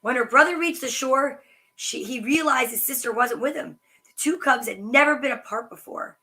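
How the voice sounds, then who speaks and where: A high-voiced woman hosts children's story time at normal speed, reading picture books in a lively, sing-song manner. She keeps interrupting herself with chatty asides.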